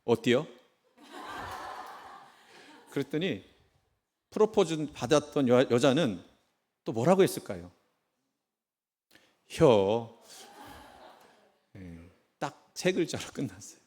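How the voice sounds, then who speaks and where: Lively-voiced middle-aged pastor telling jokes. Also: male voice, medium pitch, a little slow, long pauses, slight background noise. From Chungcheong, Korea. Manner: humorous storytelling, asks the congregation questions. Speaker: senior pastor. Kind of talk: sermon. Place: church sanctuary.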